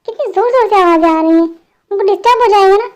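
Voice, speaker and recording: A woman voicing a caring middle-aged mother in a fan dub drama, gently firm and concerned. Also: very high voice, fast talker.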